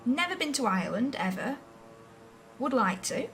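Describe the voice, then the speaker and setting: A woman's voice: high-pitched, big pitch swings, normal speed, a bit bright. A woman from England chatting casually as she streams a flight simulator game, thinking aloud and second-guessing herself. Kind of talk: casual live-stream commentary while playing a flight simulator. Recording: voice a bit distant from the mic, faint music behind.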